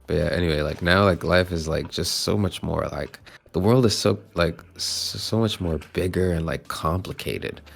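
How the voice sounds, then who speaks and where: A man's voice: low voice, moderate pace, vocal fry. A man talking as a podcast guest over an online call, rambling and packing his sentences with fillers. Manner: rambling, full of "like". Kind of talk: casual chat.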